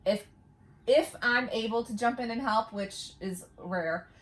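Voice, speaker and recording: A woman's voice: on the high side, unhurried, a bit bright. A woman hosting a vlog in casual, chatty style, recorded inside a small camper trailer. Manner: chatty, laughs easily while talking. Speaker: vlog host. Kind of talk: casual chat to camera.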